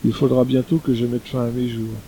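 A man's voice: mid-range voice, little pitch movement, brisk, dark tone, breathy edge, poor audio. A man reading an audiobook, voicing a hungry, guarded captive woman who speaks in a tense, restrained way.

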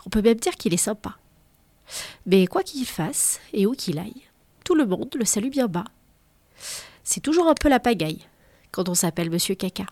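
Lively woman reading a children's story. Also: mid-range voice, moderate pace, long pauses, no room sound. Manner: lively, playful, voices the greetings. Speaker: storybook reader. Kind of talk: children's picture book read aloud.

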